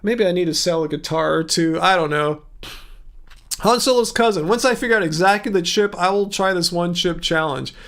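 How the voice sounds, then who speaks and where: A man's voice: sits high, moderate pace, a bit bright. A man hosting a casual livestream, reading viewer comments aloud and answering them in a rambling, chatty way. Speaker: livestream host. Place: home room.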